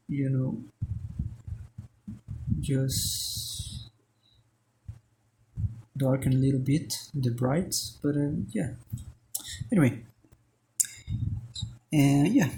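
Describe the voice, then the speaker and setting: In a medium-pitched, slightly mellow voice, a Brazilian channel host and artist, native to Portuguese and carrying a Brazilian accent, rambles over his sketching with lots of fillers and restarts. He's joking and self-deprecating at times. The recording is rough.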